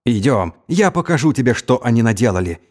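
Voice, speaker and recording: A man's voice: medium pitch, big pitch swings, fairly quick, a little mellow, natural voice. A man voicing a drunken, raging young Mongol khan who is suspicious and given to wailing outbursts. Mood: wild, drunken.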